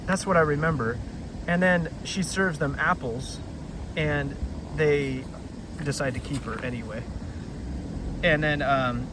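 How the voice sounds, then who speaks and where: A storytelling host with a voice on the high side speaks a little slowly and pauses often, casually summarizing a children's book by a river. He rambles and gets sidetracked easily, and the outdoor recording is noisy.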